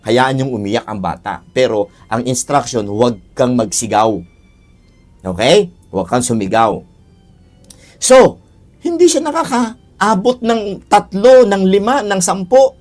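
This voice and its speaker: A man's voice: medium pitch, sing-song, a little slow, darkish tone. A man teaching a Bible lesson, earnest, calling his listeners brothers and sisters and repeating key phrases for emphasis. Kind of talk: Bible teaching on child discipline. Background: faint music.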